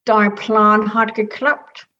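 A woman's voice: mid-range voice, little pitch movement, takes it slowly, sharp tone. A woman voicing a cool, streetwise male mouse with a slangy manner in a storybook reading. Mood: triumphant. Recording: dull lo-fi.

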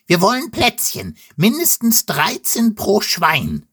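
A squealing little wild-boar princess, pitched very high and swooping wildly up and down. She talks slowly, with a breathy, husky edge to the squeak, eager and headstrong. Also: huge pitch swings, a bit bright, full character voice. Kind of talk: storybook reading.

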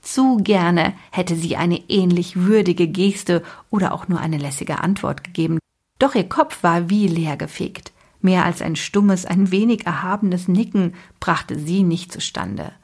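A woman with a breathy voice reading a children's book aloud expressively, dropping to a whisper at tense moments. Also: fairly low pitch, moderate pace, a little mellow. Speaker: storyteller.

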